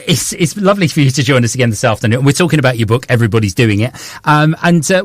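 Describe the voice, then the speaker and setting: A man hosts a casual radio interview from the studio, talking quickly and chattily. He restarts his sentences often as he goes along. His voice sits at an ordinary pitch and sounds dry and close. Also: dry recording. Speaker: radio show host.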